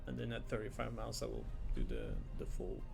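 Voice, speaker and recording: A man's voice: medium pitch, big pitch swings, brisk, gravelly, over music. A man streaming a game live, chatting casually and reacting aloud as he plays and reads chat.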